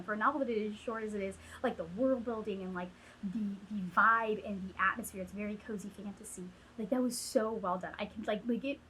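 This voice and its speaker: A woman with a hoarse, raspy voice after losing it to illness, chatting casually at home as a book reviewer, rambling with many fillers and restarts. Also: medium pitch, a bit bright, slight background noise. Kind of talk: casual vlog chat. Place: at home with a ring light.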